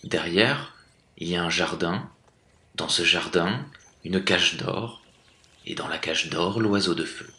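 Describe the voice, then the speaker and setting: A man's voice: low-pitched, slow pace, sharp tone, exaggerated voice. A man voicing a big grey talking wolf, a stern but loyal helper who scolds and then forgives, in a storybook reading. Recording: echoey room.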